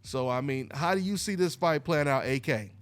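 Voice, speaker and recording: A man's voice: fairly high pitch, moderate pace, smooth. A man hosting a call-in boxing show, talking loosely and rambling with many "you know, man" fillers. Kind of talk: casual call-in radio talk.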